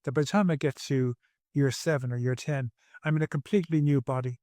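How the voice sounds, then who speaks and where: Over a video call from his home, an earnest man in his sixties reflects on his personal story for a podcast, repeatedly restarting sentences. His ordinary-pitched, darkish voice is fairly even in intonation and a little fast, recorded dry with no echo.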